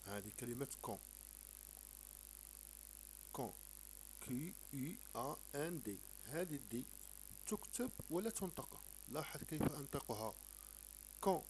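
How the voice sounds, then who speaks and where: A man's voice: mid-range voice, sing-song, music in the background, low-quality recording. Patient man teaching French sounds. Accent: Algerian. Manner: patient, repeats words slowly and sounds out letters. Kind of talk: explaining a French textbook lesson in Arabic.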